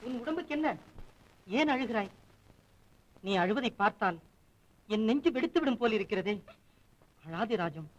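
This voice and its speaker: A gentle devoted husband-brother. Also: male voice, high-pitched, animated, moderate pace, pauses often, lo-fi sound. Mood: soothing. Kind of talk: 1950s film drama acting.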